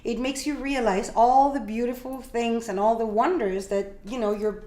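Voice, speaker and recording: Her voice is a little high, steady, and warm, moving at a normal speed. She's an older woman from Peru who owns an organic food business, appearing as a podcast guest in an echoey room and explaining things while checking in with "right?" and "you know."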